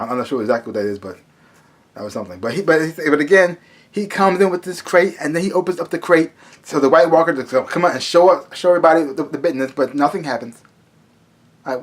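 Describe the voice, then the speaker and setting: A man with a notably high voice walks through an episode in a loose, rambling recap. He stumbles over and repeats words as he goes, casually paraphrasing what the characters say. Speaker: TV show reviewer.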